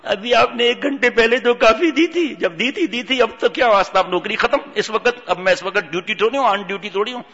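A man's voice: high-pitched, few pauses, bright, forceful tone, pitched above the performer's own voice, full character voice. A man voicing an irritable female flight attendant who scolds in a snappy way. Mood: irritated. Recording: dull audio in long-reverb hall.

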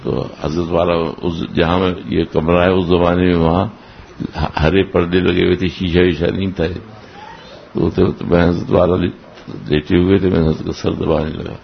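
A man slowly recounting memories of his spiritual master to a gathering, in an unhurried, halting way with restarts and small chuckles. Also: deep voice, little pitch movement, vocal fry. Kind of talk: anecdotal storytelling to a gathering. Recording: dull lo-fi recording with faint hiss.

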